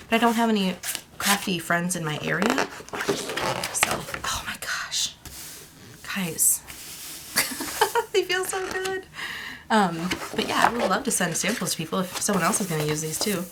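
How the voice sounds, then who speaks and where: Low-voiced woman gushing over crafts. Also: heavy background noise. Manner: gushing, chatty, lots of fillers and soft whispered asides. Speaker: crafting vlogger. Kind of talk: casual vlog chat.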